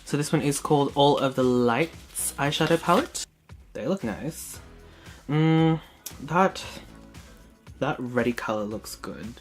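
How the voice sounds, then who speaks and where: A man's voice: medium pitch, slow, long pauses, soft background music. Chatty young man doing his makeup. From Hong Kong. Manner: chatty, many "um"s, narrating his makeup steps. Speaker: beauty vlogger. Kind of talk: casual get-ready-with-me chat. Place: small indoor room, plain backdrop.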